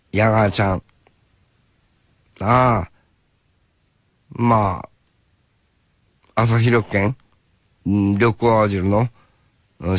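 A man hosting a radio show in a casual, drawling, folksy way, often tacking a rough "nah" onto his sentences. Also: lowish voice, no room sound, dull audio. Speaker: radio host.

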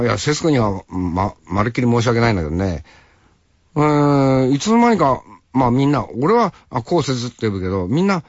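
A man's voice: medium pitch, husky, dry recording, highs cut off. A man in his sixties from Hokkaido, hosting a radio show with a rambling, folksy monologue that he speaks straight to the listener. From Hokkaido, Japan. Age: 60s. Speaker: radio host.

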